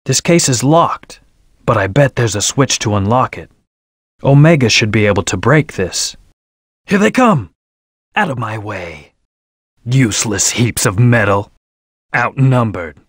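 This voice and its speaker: An actor playing a brooding, cocky hedgehog antihero in a video game, speaking in a terse, stern, commanding manner. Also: male voice, mid-range voice, sing-song, slow pace, long pauses, dry recording, clean studio sound. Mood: urgent, defiant, then scornful, confident. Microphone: close, dry studio recording.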